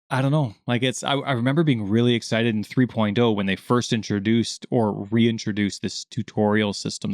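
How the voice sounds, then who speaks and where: A man with a somewhat low voice, co-hosting a relaxed gaming podcast. He talks in an animated way and jumps up in pitch when he acts out the questions he quotes. The sound is dry and close to the mic. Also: gravelly, no room sound. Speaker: podcast co-host. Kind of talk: casual gaming podcast chat.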